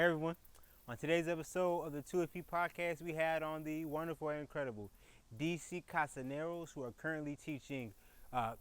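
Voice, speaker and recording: A man's voice: a little high, clean tone. A man introducing a podcast episode in an upbeat, effusive way. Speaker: podcast host.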